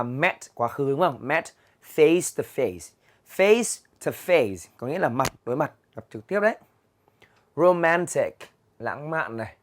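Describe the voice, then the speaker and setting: A young man with a Vietnamese accent teaching English vocabulary, patiently explaining words and reading them aloud slowly in a classroom. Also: medium pitch. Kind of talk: vocabulary lesson for students. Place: classroom with a chalkboard.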